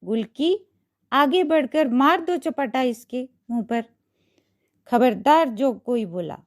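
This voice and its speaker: A woman voicing a fierce, bold woman who gives sharp, commanding orders in a told story. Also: sits high, takes it slowly. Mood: angry commanding. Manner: commanding, scolding.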